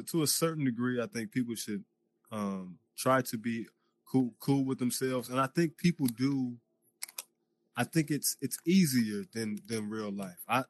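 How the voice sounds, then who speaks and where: A man from the United States chats casually as a podcast guest, stressing his points and talking loosely with fillers. He speaks through a VR headset mic inside a virtual social space, his voice at an ordinary middle pitch. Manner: emphatic, talks loosely with fillers. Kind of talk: casual chat.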